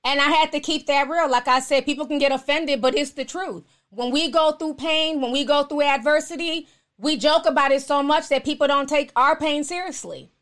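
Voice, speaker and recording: Woman, high voice, live stream host, sassy, blunt, slangy, casual, outspoken, responding to chat. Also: fairly even intonation, moderate pace, a bit bright. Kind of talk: casual live chat, reading and answering viewer comments.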